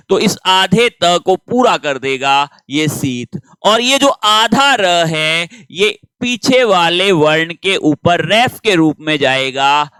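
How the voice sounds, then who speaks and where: Bright, clear-voiced male Hindi teacher. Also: fairly high pitch, no room sound. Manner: patient, asks questions and answers them himself. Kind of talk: classroom grammar lesson.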